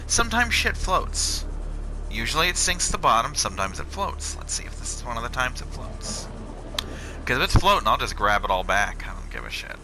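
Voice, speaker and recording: A man's voice: medium pitch, sing-song, a little fast. A young man chatting casually and swearing freely as he plays a video game and rambles about work. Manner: rambling, profane, sarcastic. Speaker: channel host playing a video game. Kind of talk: casual chat over gameplay. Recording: game music behind.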